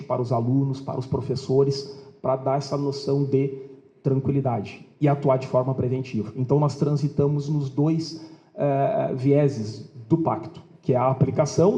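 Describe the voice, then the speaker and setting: A man speaking as a police officer at a public event, giving a measured, formal speech with official phrasing and occasional pauses. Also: medium pitch, dark tone.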